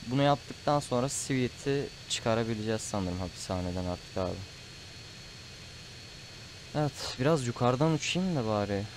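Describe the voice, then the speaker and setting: A man's voice: medium pitch, animated, moderate pace, slight background noise. A man doing casual gameplay commentary, chatting to viewers and often getting frustrated. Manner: chatty, frustrated outbursts, calls the audience "abi". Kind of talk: casual Let's Play commentary.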